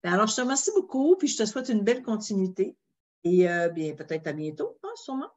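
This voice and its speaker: A woman with a Québécois French accent hosts an interview chat, her mid-range voice animated and quick. She's warm-hearted and chatty, using frequent fillers as she talks with her guest.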